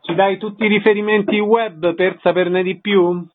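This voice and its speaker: A man's voice: high-pitched, level tone, moderate pace. A man hosting a radio interview, announcing shows with brief, formal lines. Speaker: radio host. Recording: dull lo-fi radio sound.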